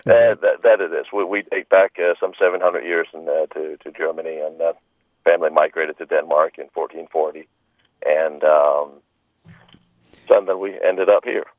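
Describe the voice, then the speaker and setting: A man's voice: rumbling low, fairly even intonation, normal speed, dry recording, phone-quality sound. A man interviewed on radio about his film, joking and rambling, with many restarts. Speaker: film director being interviewed.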